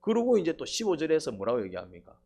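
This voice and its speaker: A man's voice: a little high, wildly swooping pitch, quick pace, mellow. A middle-aged male pastor preaching a sermon, quizzing the congregation with rhetorical questions and prompting "eh?".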